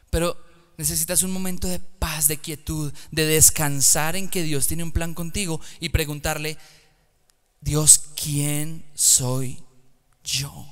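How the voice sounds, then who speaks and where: A man preaching a lively sermon to young people in a church, swinging from hushed, slow words to loud, emphatic calls. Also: fairly high pitch. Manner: dynamic, swings from hushed to shouting. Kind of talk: sermon to youth.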